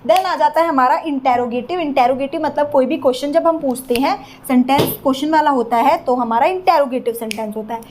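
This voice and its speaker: A woman's voice: sits high, a little fast, hardly any pauses, background noise. A young Indian woman with an Indian accent, teaching in an explanatory exam-prep lecture and often checking in with her students.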